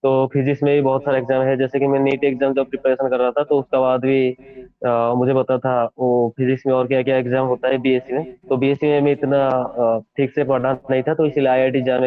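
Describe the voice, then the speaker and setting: A young man answering interview questions over a crackly phone line, halting, with many hesitant fillers. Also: mid-range voice, little pitch movement. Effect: crackly phone line that cuts out. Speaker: exam topper being interviewed.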